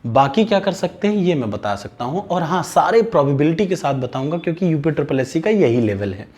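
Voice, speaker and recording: A man coaching students for an exam, speaking with a fairly high voice. He gives direct, instructive advice and repeats the key points to drive them home. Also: sing-song, a little fast, a little mellow. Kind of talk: exam-prep lesson straight to camera.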